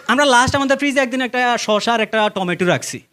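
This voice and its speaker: Speaking quickly in an extremely high, bright, forceful voice, a young Bangladeshi-accented comedian tells stories to a crowd that laughs along. His stand-up is conversational: he talks to the audience and acts out dialogue. It's a live stage recording with faint background noise.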